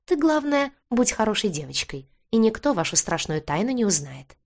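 A woman's voice: on the high side, big pitch swings, normal speed, voice pushed up. A woman voicing a scheming werewolf man who talks in a mocking, self-satisfied way in an audiobook reading. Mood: smug.

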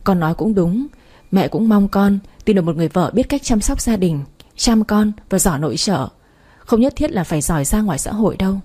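A proud, wealthy older mother, as a woman narrator voices her. She speaks in a measured, judging way. The voice is warm and mellow with a faintly breathy texture. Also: medium pitch, expressive, natural voice. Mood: cool. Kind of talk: storybook reading.

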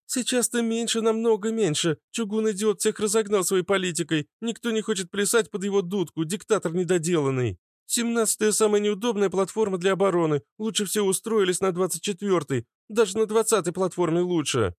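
A man's voice: sits high, a little fast, no room sound, studio quality, voice pushed up, natural voice. A man voicing a talkative young woman who explains things and scorns a local leader, in an audiobook reading. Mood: chatty.

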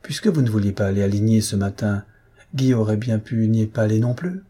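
A man voicing a gentle old countess. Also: lowish voice, fairly quick, husky. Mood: kindly.

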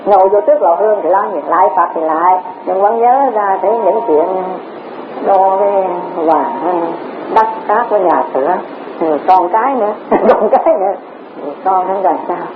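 A woman's voice: mid-range voice, normal speed. Woman, Dharma teacher, repeats herself, poses rhetorical questions, tinny tape with faint hiss. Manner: repetitive, rhetorical questions, chuckles often. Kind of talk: Dharma talk.

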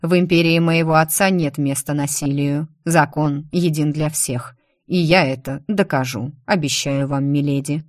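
A woman reading the part of a stern imperial prince in an audiobook, with clipped, unhurried lines. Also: low-pitched, steady tone, no room sound, clean studio sound, close to an everyday voice. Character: stern imperial prince, grown man, commanding.

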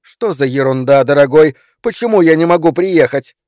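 A man putting on a shrill anxious wife. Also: expressive, moderate pace, darkish tone, no echo, studio quality, lightly acted. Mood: pleading. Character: anxious greedy middle-aged wife, shrill.

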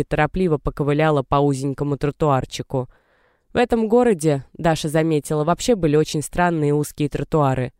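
Smooth-voiced male audiobook narrator. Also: on the high side, darkish tone, no room sound, clean studio sound. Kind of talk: scripted storybook narration.

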